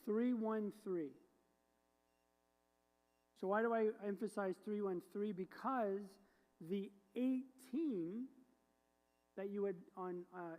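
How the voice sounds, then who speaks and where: A woman's voice: mid-range voice, dark tone. A woman rabbi explaining the prayers to her congregation in a playful, joking way, quizzing them as she goes. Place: synagogue sanctuary. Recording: long sanctuary reverb.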